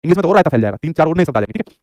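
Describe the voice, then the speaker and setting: A man's voice: fairly high pitch, sing-song, a little mellow, no room sound. A man teaching an exam-prep lesson, asking questions and answering them himself. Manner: rapid, repeats his own questions back to the viewer.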